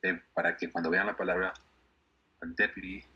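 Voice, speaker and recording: A man from Ecuador, teaching an online class and patiently repeating words slowly for his students. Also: deep voice, flat delivery, breathy edge, highs cut off. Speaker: English teacher.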